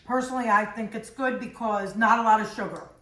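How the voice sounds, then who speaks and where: A woman's voice: on the high side, fairly even intonation, brisk, fairly bright tone, echoey room. A woman casually showing a cookie recipe in her home kitchen, chatting and explaining each step as she goes. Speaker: home cook demonstrating recipes.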